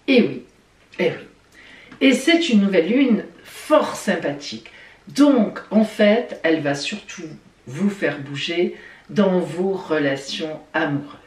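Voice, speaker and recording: A woman's voice: on the low side, recorded from a distance. A woman giving weekly horoscopes in a playful, chatty way, talking straight to her listeners. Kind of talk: casual horoscope reading. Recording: roomy sound from off-mic.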